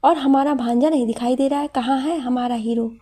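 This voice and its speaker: A jolly young man who loves to joke, voiced by a woman reading the story. He teases with easy warmth, in a mellow voice. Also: high voice, steady tone, fairly quick. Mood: playful. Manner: playful, teasing. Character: cheerful young man, joking uncle.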